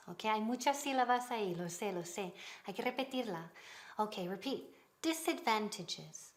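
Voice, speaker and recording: Patient woman teaching English on TV. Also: a little high. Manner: patient, drills words slowly. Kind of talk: TV language lesson.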